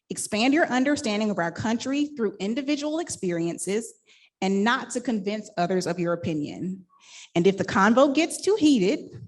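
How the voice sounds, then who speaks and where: A woman hosting and moderating a live panel discussion, reading a scripted introduction with upbeat, laughing asides. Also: a little high. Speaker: event host and moderator.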